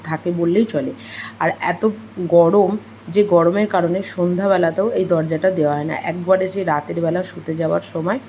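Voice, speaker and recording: A woman's voice: lowish voice, darkish tone, a little hiss or hum, low-quality recording. A young woman with a Bengali accent, narrating her daily homemaking vlog in a chatty, rambling way full of fillers. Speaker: homemaker vlogger.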